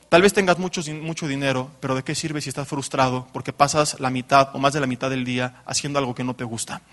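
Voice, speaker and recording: A man's voice: fairly high pitch, fairly bright tone. A man, preaching a sermon to young people as a storytelling pastor who keeps adding tag questions. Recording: reverberant hall.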